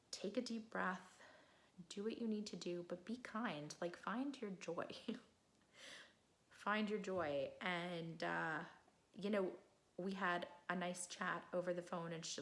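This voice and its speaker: Chatty middle-aged woman vlogging at home. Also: fairly low pitch. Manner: earnest, chatty, many fillers. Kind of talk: casual storytime vlog.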